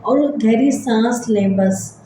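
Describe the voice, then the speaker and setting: Speaking in a fairly high voice, a female psychology-channel host guides a body scan meditation with slow, gentle, repeated instructions. The recording is very echoey and has background noise.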